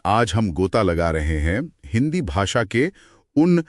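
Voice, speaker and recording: A man co-hosting an explanatory podcast, telling stories and asking lively questions. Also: on the low side, takes it slowly, no echo, clean studio sound. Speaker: podcast co-host.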